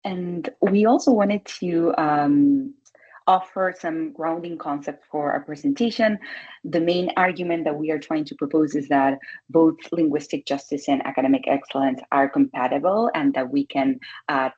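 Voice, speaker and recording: A low, husky woman's voice, presenting her research over a video call. She stumbles a little, filling pauses with "uh" and repeating words as she goes. The sound is dull and lo-fi. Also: darkish tone. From Argentina. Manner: hesitant, with frequent "uh" and repeated words. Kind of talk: webinar presentation.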